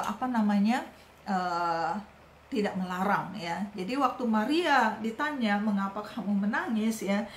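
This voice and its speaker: A woman giving a sermon, speaking gently and often tagging her sentences with short affirming words. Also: mid-range voice. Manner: gentle, repeats "ya" and "gitu" often. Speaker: preacher. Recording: echoey room with faint noise.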